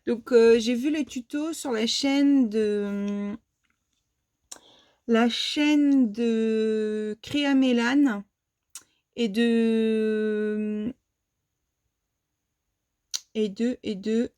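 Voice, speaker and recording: A woman's voice: fairly high pitch, steady tone, drawn-out words, long pauses, a little mellow, clean tone. A woman from France presenting her shopping haul in a casual, hesitant way, with many fillers and restarts. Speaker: vlogger showing a shopping haul. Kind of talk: casual show-and-tell haul.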